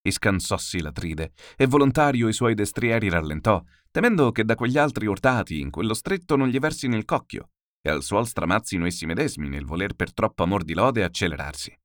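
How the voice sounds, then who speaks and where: A man giving an expressive reading of classical epic verse, raising his voice for the shouted speeches. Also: on the low side, a little fast, no echo, studio quality. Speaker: narrator reading an epic poem aloud.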